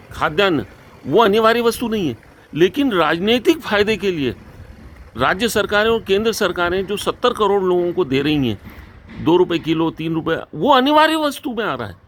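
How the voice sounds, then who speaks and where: A man hosting a political discussion, firing rhetorical, pointed questions at his guest. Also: high-pitched.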